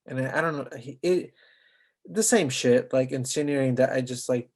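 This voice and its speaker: A man's voice: medium pitch, moderate pace, darkish tone. A man from Southern California co-hosting a podcast, talking bluntly and swearing freely. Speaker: podcast co-host. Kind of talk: casual podcast chat.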